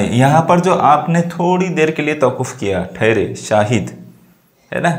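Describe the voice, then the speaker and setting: A man teaching a grammar lesson, explaining slowly and checking often that students follow. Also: mid-range voice. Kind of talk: classroom lesson.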